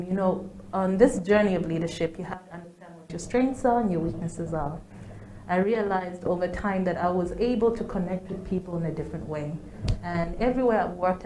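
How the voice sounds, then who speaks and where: A woman's voice: mid-range voice, darkish tone. Ugandan woman in an echoey studio. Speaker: guest. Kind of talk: interview conversation. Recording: echoey studio with faint noise.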